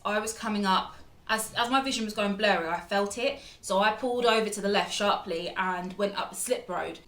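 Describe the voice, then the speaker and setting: A woman's voice: mid-range voice, a bit bright, roomy sound. A young woman with a British accent telling a dramatic storytime vlog, chatty and full of fillers. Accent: British English. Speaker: vlogger.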